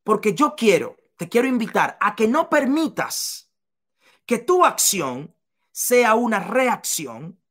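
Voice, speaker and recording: A woman's voice: on the high side, sing-song, slow, a bit bright, breathy edge. A woman giving a motivational seminar talk to business leaders, emphatic and repeating key phrases to the listener.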